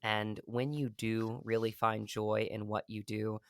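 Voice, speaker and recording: Here an actor being interviewed on a podcast speaks in a lowish voice with flat delivery and a measured pace. The studio-quality recording has no echo, and his casual talk runs long and earnest, peppered with fillers and restarts.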